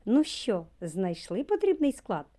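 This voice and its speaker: Slow lively-voiced preschool teacher lady talking to little kids, from ukraine. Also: mid-range voice. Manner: slow, sing-song, addresses children directly. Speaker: kindergarten teacher. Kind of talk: recorded preschool lesson.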